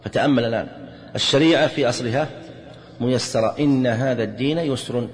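A man gives a measured Islamic jurisprudence lesson, explaining rulings point by point. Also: mid-range voice. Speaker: religious teacher. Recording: hall reverb, faint background noise.

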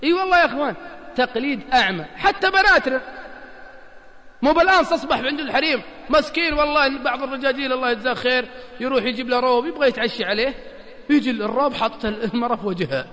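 A man's voice: very high-pitched, quick pace, big-room sound. A man with a Gulf Arabic accent preaching a colloquial sermon, joking and telling anecdotes while he keeps asking his listeners "isn't that right, brothers?". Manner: animated, joking, addresses audience as brothers. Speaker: religious preacher.

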